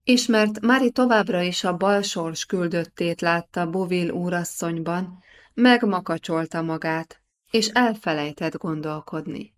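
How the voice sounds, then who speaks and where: A woman reading a historical novel aloud as an audiobook narrator, in measured scripted narration. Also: lowish voice. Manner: measured storytelling.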